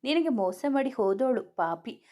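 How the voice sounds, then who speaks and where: A woman tells a serialized romance story aloud in a mellow, somewhat high voice. She reads the narration and every character's lines in the same steady reading voice. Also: moderate pace.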